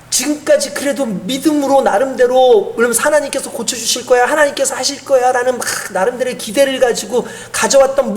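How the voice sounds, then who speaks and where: Man preaching a sermon, voice goes way up and down, quiet bits then loud bits, a little background hiss. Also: very high voice. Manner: storytelling sermon, swinging from hushed to emphatic. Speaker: pastor.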